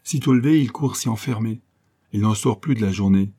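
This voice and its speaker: A man's voice: on the low side, brisk, warm tone. A man reading a novel aloud, voicing a vain and smug young man who boasts in a sneering way. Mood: boastful.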